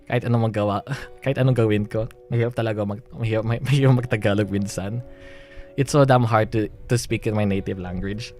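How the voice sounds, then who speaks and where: Speaking fast in a steady, slightly mellow low voice, this young streamer from the Philippines delivers an emotional livestream monologue. He rambles with a Filipino accent, keeps restarting, and laughs nervously over soft background music.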